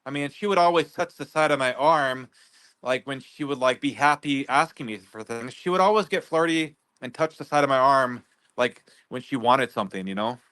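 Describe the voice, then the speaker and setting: A man guest on a livestream, talking in a rambling, halting way with many restarts. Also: medium pitch, fairly bright tone, clear, resonant tone. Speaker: guest neighbor. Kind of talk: casual livestream interview.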